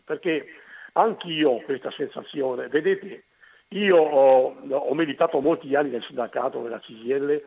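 An older man from the Venice area calling in to a radio show over a landline phone, talking hesitantly with many pauses and fillers. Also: medium pitch, gravelly, slightly rough. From Venice area, Italy. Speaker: radio call-in caller. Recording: narrow tinny phone line.

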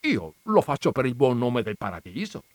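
Brief: male reader doing a big stubborn country priest, argumentative and wheedling, lively pitch, storybook. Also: normal speed, dry recording. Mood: arguing. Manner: pleading and arguing, wheedling protests. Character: Don Camillo, burly stubborn village priest, argumentative. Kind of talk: dramatized audiobook reading.

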